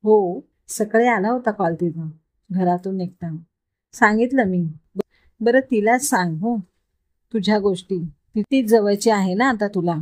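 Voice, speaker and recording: A woman's voice: mid-range voice, measured pace, long pauses, lightly acted. Woman voicing an easygoing teasing young man. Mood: mild.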